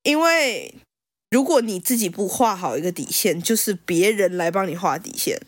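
A woman's voice: medium pitch, lively intonation, moderate pace, no echo. A woman, co-hosting a podcast in casual chat; she talks bluntly and laughs often. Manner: blunt, laughs often while telling family stories. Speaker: podcast co-host.

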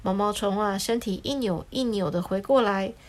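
A woman narrating a children's story in a gentle, explaining way, drawing out filler words. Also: medium pitch, moderate pace.

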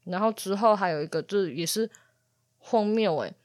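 Animated woman storyteller. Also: mid-range voice, normal speed, dry recording, studio quality. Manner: animated, exasperated retelling with acted-out quotes. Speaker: pet communicator podcast host. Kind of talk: casual storytelling podcast.

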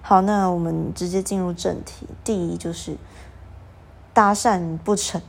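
A young woman, hosting a podcast and telling stories in a casual, animated way. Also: fairly low pitch, unhurried, creaky. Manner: animated, acts out quoted exchanges. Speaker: podcast host. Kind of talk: casual storytelling monologue.

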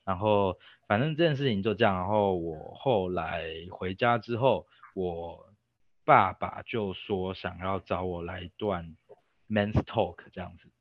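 Low-pitched and unhurried, a young adult man with a Taiwanese Mandarin accent rambles through a personal story as a podcast guest, restarting often with fillers. The audio sounds like a phone line, with no echo.

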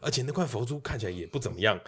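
Fast, animated man. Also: mid-range voice, husky. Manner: animated, laughing storyteller who acts out quotes. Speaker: podcast host. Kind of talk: casual storytelling chat.

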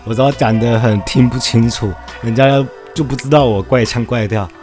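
Man, podcast co-host, flat mumbly delivery, casual chat, headset mic, light music behind. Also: mid-range voice, moderate pace.

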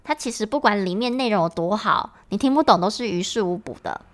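A woman's voice: medium pitch, animated, brisk. A woman with a Taiwanese Mandarin accent, an English teacher explaining patiently in a podcast lesson.

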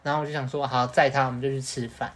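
A man with a Taiwanese Mandarin accent, a podcast co-host telling a casual, animated story with Hokkien swearing. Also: medium pitch, very fast.

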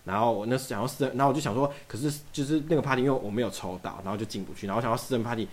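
A man's voice: medium pitch, rapid-fire. A young man from Taiwan telling a long story in casual chat, acting out both sides of every exchange. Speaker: podcast guest.

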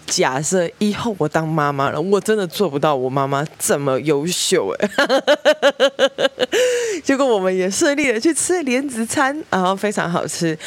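Young woman, Taiwanese Mandarin accent, podcast host, animated storytelling, mid pitch. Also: no echo. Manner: lively storyteller, mimics family members, laughs often. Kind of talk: storytelling monologue.

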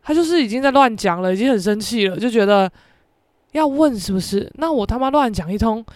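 A woman podcast host, telling a story in a casual, animated, profane way. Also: fairly high pitch, brisk, dry recording, clean studio sound. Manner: animated, profane, acts out quoted voices.

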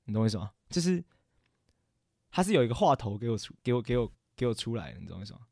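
A man's voice: mid-range voice, very animated, racing, vocal fry, a little mellow, no echo, studio quality. A young man, a podcast co-host telling a story in casual chat, rambling and often correcting himself. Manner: rambling, stammering, frequent self-corrections.

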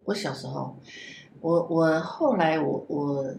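Woman, low voice, halting repetitions, echoey room, faint hiss. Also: creaky, a little mellow. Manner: halting, repeats words while recounting. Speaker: guest telling a personal story. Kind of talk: casual podcast chat. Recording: roomy echo, faint background hiss.

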